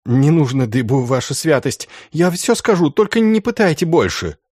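A man's voice: high-pitched, moderate pace, dark tone, no room sound, clean studio sound, pitched above the performer's own voice, close to an everyday voice. A man voicing a terrified accused sorcerer who pleads frantically and tearfully. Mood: pleading.

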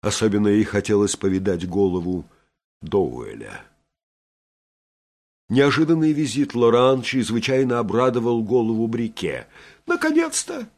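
A man giving scripted audiobook narration in a measured, expressive way. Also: fairly low pitch.

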